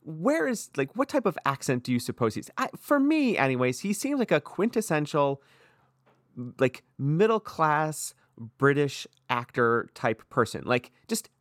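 A man's voice: on the high side, a little slow, no room sound, clean studio sound. A man co-hosting a podcast, chatting casually about a TV show and asking questions full of "like" fillers. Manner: animated, filler-heavy questioning. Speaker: podcast co-host.

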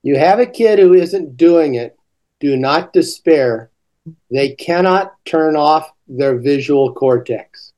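An older man, a teaching coach, explaining classroom ideas slowly in a relaxed podcast conversation. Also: a little high.

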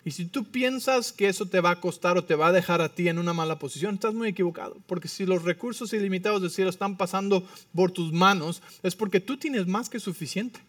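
A male pastor in his thirties delivers a lively sermon and keeps checking in with his listeners. His voice sits high for a man. The sound is dry and picked up from a bit away from the mic. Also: brisk, hardly any pauses, no room sound, distant mic. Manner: animated preaching, frequent "¿sí?" check-ins.

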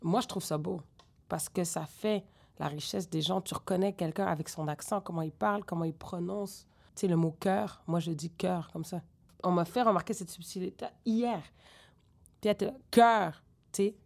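Woman rapper, raised in Senegal, French accent with Québécois traces, chatty and animated interview guest. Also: on the low side, brisk, creaky. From grew up in Senegal. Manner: animated, digressive, many fillers. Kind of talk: candid interview conversation.

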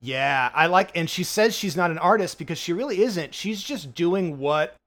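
Rambling man reviewing films, higher voice. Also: lively intonation, moderate pace, fairly bright tone. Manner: rambling, many fillers and restarts, swears casually. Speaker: film podcast co-host. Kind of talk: casual film review chat.

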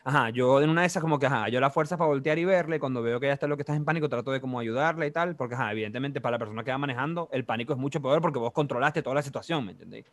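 A young man in his twenties with a Venezuelan accent, telling a story in casual chat, animated and full of slang and sound effects. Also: medium pitch, very fast, hardly any pauses.

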